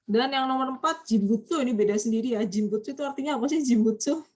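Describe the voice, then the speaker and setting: A woman's voice: a little high, fast talker, a little mellow. A woman teaching a Japanese vocabulary class online, chatty and quizzing her students. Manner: chatty, quizzing students, frequent light laughs.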